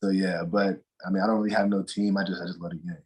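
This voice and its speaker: A young man from North Carolina, a college basketball player answering interview questions in a relaxed, rambling way full of fillers and restarts. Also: low-pitched, fast talker, slightly rough, poor audio. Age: young adult.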